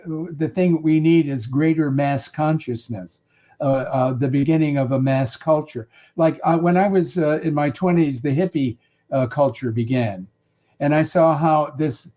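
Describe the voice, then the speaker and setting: Halting older man in his eighties. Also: fairly high pitch, mellow. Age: 80s. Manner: halting, full of filler sounds and restarts. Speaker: interview guest. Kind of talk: conversational interview answers.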